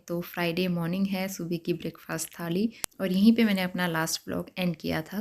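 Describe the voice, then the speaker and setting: A woman narrating her home vlog in a voice-over, explaining calmly step by step. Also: on the low side. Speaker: home vlogger.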